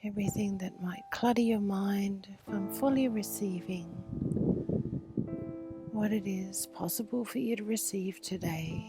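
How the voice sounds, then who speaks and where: A woman leads a guided meditation in a very slow, soothing voice, often softening into near-whispers. Her pitch sits in a comfortable middle range. Instrumental music plays clearly beneath her words, recorded outdoors at a retreat. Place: outdoor retreat under a pyramid structure.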